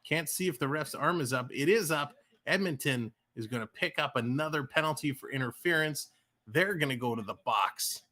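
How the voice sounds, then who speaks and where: This Toronto-area man speaks with a Canadian accent and a fairly high, pushed, bright voice at normal speed. Hosting a livestream, he offers casual play-by-play while talking with his viewers. Chatty and quick to laugh, he reads messages from the chat out loud.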